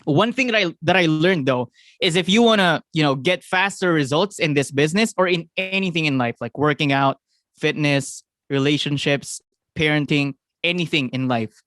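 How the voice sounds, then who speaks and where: A man's voice: on the high side, moderate pace, a bit bright, no echo. A young man giving an earnest motivational business talk, often checking in with his listeners. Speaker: business presenter.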